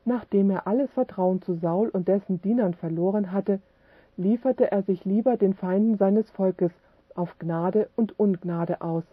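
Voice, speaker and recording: A woman reading a religious book aloud as scripted narration, steady and measured. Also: medium pitch, husky, no echo. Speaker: audiobook narrator. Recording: tinny phone-like dry audio.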